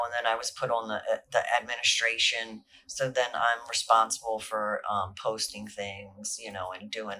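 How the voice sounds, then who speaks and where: A woman's voice: a bass voice, bright, forceful tone. A woman guest talking in a casual interview, earnest and chatty, with lots of fillers and easy laughs. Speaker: podcast guest, recovery alumni coordinator.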